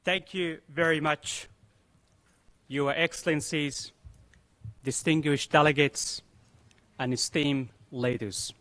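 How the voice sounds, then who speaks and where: A young man from Afghanistan, delivering a formal prepared speech as a youth delegate in a slow, deliberate, solemn way. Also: a little high, steady tone, pushed and bright. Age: young adult.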